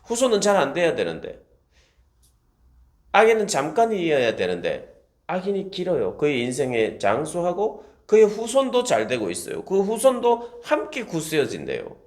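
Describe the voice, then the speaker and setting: A man's voice: on the high side, wildly swooping pitch, normal speed, darkish tone. A man, a pastor, giving a devotional Bible reflection, explaining scripture and paraphrasing quotes.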